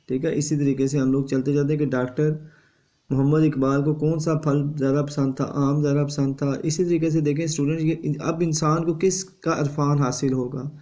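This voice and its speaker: Flat, mellow-voiced male teacher. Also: fairly high pitch. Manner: steady lecturing, repeating a confirming tag after each point. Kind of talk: exam revision lesson.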